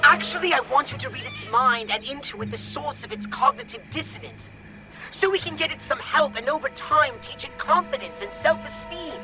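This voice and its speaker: An actor playing a pompous, exasperated alien commander in a video game, speaking precisely and with sardonic scorn. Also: male voice, very high-pitched, sing-song, moderate pace, over music, rough recording. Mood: exasperated, scornful. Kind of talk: video game character acting.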